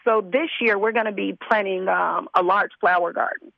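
A hoarse woman who is under the weather, speaking as a community organizer in an earnest, repetitive casual interview manner. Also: mid-range voice, fairly even intonation, normal speed, no echo, highs cut off. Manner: earnest, repeats words as she talks.

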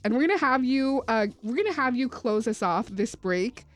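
A woman's voice: a little high, animated, normal speed. A woman hosting a casual radio interview from a studio. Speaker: radio host.

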